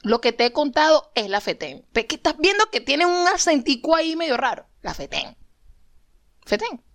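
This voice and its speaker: Venezuelan gal co-hosting a podcast, teasing and laughing a lot, highish voice. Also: female voice, lively intonation, a little fast, fairly bright tone. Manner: laughs often, slangy and teasing. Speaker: podcast co-host. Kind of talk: casual chat.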